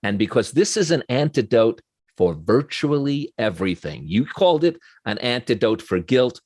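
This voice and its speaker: A man's voice: medium pitch, sing-song, moderate pace, darkish tone, dry recording. A man with a New York accent hosting an interview, asking earnest, admiring questions. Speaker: interview host.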